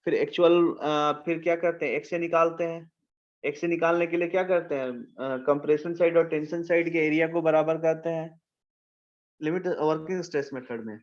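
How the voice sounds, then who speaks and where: Teaching an engineering class, a man asks questions and answers them himself, mixing in English terms. His fairly high voice is steady in tone at a moderate pace, and the recording is muffled.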